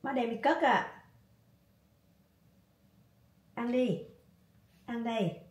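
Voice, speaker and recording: A woman's voice: fairly high pitch, extremely slow, distant mic. Chatty Southern Vietnamese woman in echoey kitchen. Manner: chatty, coaxing her dog in soft tones. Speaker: vlogger. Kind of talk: casual cooking vlog chat.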